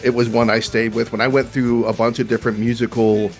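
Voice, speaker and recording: A man hosting a podcast, talking about an album in a relaxed, chatty, self-deprecating way. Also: mid-range voice, a little fast, faint music behind. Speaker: podcast host. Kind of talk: casual chat about music.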